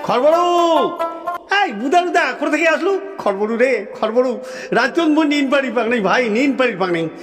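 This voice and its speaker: A man's voice: extremely high pitch, lively intonation, moderate pace, in a large hall, music in the background. A man voicing chatty old village men in a folk puppet-show dialogue, speaking with a Rajbanshi accent and a folksy, repetitive manner. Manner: repetitive, folksy, laughing asides.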